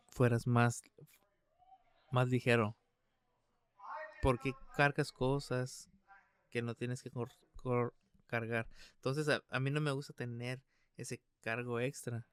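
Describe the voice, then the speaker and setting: A man's voice: medium pitch, clear, resonant tone. An older man preaching a translated sermon in an emphatic way, with frequent restarts and fillers. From United States.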